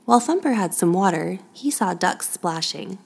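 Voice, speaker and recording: A woman narrating a children's picture book in a soft, measured storytelling manner. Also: on the low side, animated, gravelly, breathy edge.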